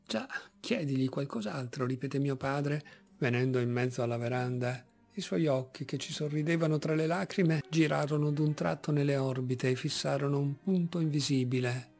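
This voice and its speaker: A man reading a literary story aloud as an audiobook, measured and expressive. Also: fairly high pitch, soft background music. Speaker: audiobook reader.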